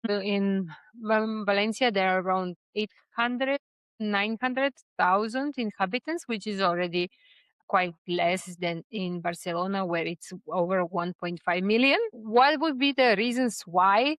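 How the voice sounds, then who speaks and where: A woman's voice: medium pitch, a little slow, fairly bright tone, no room sound. A young woman from Serbia giving expat life tips in a casual explainer to camera, with frequent fillers and restarts.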